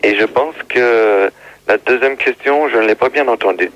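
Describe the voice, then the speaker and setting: A man's voice: medium pitch, normal speed, fairly bright tone, no echo, dull audio. A man calling in to a radio debate, argumentative and interrupting. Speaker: caller. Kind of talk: radio phone-in banter.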